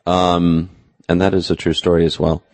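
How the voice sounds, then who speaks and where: A man's voice: low-pitched, completely flat delivery, normal speed, darkish tone. A man hosting an interview, asking questions in an easygoing, teasing way. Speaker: interview host. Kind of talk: casual interview chat.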